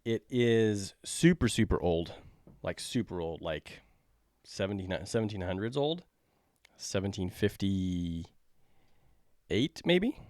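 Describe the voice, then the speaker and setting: A man's voice: low-pitched, animated, slow pace, pauses often, darkish tone, dry recording, clean studio sound. A man hosting a beer review podcast, talking in a loose, rambling, jokey way.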